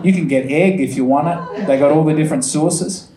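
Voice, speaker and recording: A man doing a gruff, abrasive bus woman. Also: on the high side, brisk, reverberant, a crowd in the background, voice pushed down, natural voice. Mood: menacing chatter. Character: abrasive foul-mouthed small-town woman on a bus.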